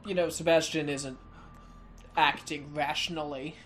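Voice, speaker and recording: A woman's voice: sits low, fairly even intonation, unhurried, slight background noise. A woman chatting casually and jokingly as she comments on a video game. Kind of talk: casual joking chat over gameplay.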